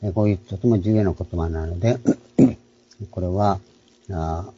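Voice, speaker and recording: A man giving an online Bible lecture, explaining at an unhurried pace and clearing his throat often. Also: low voice, dark tone, highs cut off. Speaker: Bible teacher.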